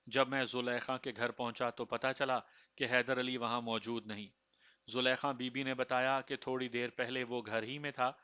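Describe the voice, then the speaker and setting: A man reading a crime story aloud in steady first-person narration, giving each character a voice. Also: mid-range voice, clean tone, no room sound. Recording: dry, slightly dull recording.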